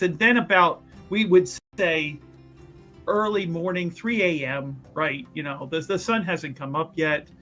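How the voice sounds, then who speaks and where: In an actual-play tabletop roleplaying session, a male player describes his character with a bright, slightly raised voice. He rambles, restarts often and piles up fillers while thinking aloud, as faint music plays beneath.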